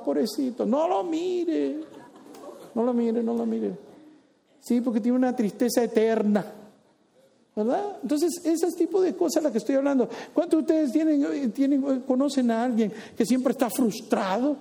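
A man preaching a sermon, animated and playful, teasing the congregation with asides. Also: very high voice, gravelly.

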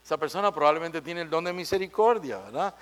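A man preaching a sermon, animated and acting out small scenes between people. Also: a little high, fast. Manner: animated, acts out little dialogues with shifting voices.

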